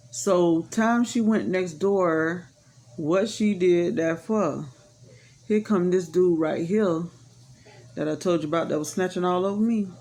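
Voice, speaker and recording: A woman with a lowish, mellow voice tells a personal story casually and ramblingly, packing it with fillers like "you know." She speaks frankly and matter-of-factly, even about hard events.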